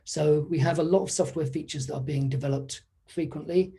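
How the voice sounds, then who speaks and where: A man delivers a conference talk over a video call. He sounds easygoing and conversational and often pauses on fillers. His voice is warm and dark with a touch of huskiness. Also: on the high side, slightly rough. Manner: relaxed, conversational, with frequent fillers. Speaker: conference speaker. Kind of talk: online conference presentation.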